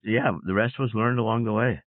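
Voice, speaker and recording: Man, low voice, interview guest, reflective measured storytelling, tinny phone-line sound, dry. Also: fairly even intonation, no echo. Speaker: interview guest, sailor and public speaker.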